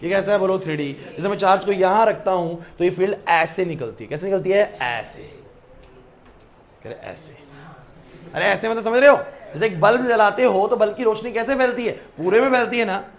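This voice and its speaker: A man's voice: high-pitched, a little fast. A man teaching a physics class, often stopping to check that his students follow and mixing English terms into his explanations. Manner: asks students to confirm understanding; mixes English terms into Hindi. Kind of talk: classroom lecture. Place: classroom with whiteboard.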